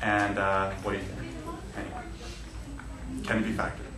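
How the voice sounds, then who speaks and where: A man's voice: on the low side, little pitch movement, normal speed. A man teaching algebra to a class, joking and laughing as he quizzes his students. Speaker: math teacher. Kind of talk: classroom lesson. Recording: echoey classroom, distant mic, noisy.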